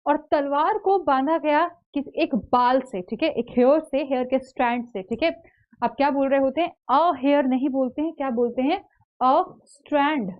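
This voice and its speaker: High-voiced Indian woman teaching English. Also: dull audio. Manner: explains slowly, checks in with "theek hai?" after each point. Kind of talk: online exam-prep lecture.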